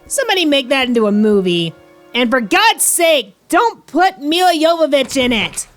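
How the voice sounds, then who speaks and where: High-voiced woman co-commentating a game. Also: very animated, normal speed, faint music behind. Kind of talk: casual let's-play banter.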